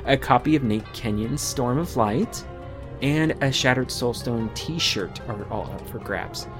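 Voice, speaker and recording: A man's voice: mid-range voice, animated, slow, music in the background. A North American man hosting a podcast, chatting casually in a jokey, rambling way with stammered restarts. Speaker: podcast host.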